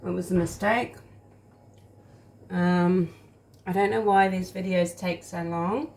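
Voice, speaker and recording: A woman's voice: on the low side, fairly even intonation, takes it slowly, darkish tone. A woman chatting casually through a home baking taste test, rambling and talking while she eats.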